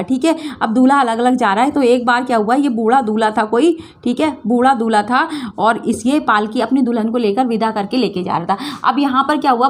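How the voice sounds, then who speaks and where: A woman teacher with a high voice talks through a school lesson. She retells the story plainly, repeats her phrases, and keeps asking her students questions as she explains. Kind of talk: Hindi class revision lesson.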